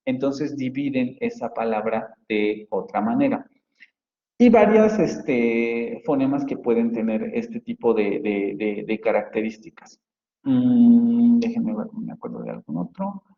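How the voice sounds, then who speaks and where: A male phonetics professor gives a casual university lecture, explaining with examples and thinking aloud through frequent fillers and restarts. His mid-range voice is very animated yet unhurried, captured in dull, roomy, reverberant lo-fi audio.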